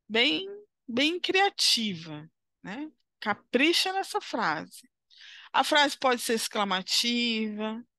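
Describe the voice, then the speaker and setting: A slow, patient woman teacher with a Brazilian Portuguese accent and a bright, fairly high voice. She talks a young class through a worksheet, kind and encouraging, checking in after almost every step. The recording is close and dry. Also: dry recording. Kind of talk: primary school lesson walkthrough.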